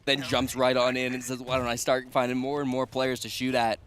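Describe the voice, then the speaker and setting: Speaking a little fast in a mid-range voice with little pitch movement, a man gives live esports analysis and commentary. He's emphatic, repeating key phrases for weight, over background noise and a music bed.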